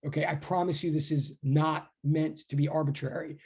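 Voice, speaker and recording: A woman's voice: low-pitched, steady tone, normal speed, warm tone. A middle-aged woman lecturing as a physics teacher in an online class, intense and insistent, often interrupting herself as she explains. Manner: conversational, self-interrupting explaining.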